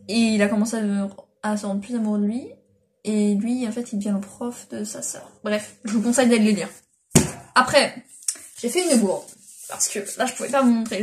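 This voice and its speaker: A woman's voice: fairly high pitch, slight background noise. A young woman chatting casually as a manga vlogger, rambling with lots of fillers and restarts, on a built-in device mic. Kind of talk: casual chat.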